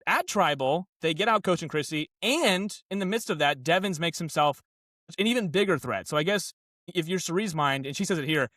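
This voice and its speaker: A man co-hosting a casual reality-show recap, talking in an excitable, rambling way with frequent restarts. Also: on the high side, a little fast, dry recording, clean studio sound. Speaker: podcast co-host.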